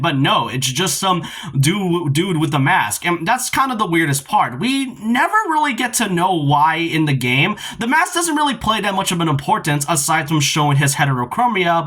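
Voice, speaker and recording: A man with a high, sharp-toned voice rambles casually about a video game, offering critical opinions in a conversational way.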